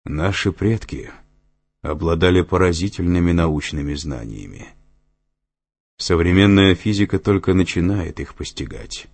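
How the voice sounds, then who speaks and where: A learned, assured brother explains at an even, measured pace in this audiobook, played by a man. His deep, husky voice gives the lines weight. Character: learned older brother, calm and assured lecturer.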